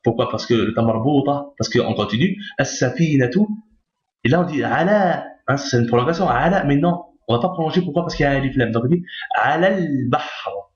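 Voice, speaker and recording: A man gives a step-by-step reading lesson, patient and repetitive, checking in after each rule. His voice sits in a roomy space with a dull, lo-fi tone. The pitch is middling. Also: quick pace, a little mellow. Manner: patient, repeats each point, checks with "d'accord?". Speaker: Arabic reading teacher. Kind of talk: recorded lesson explaining on screen.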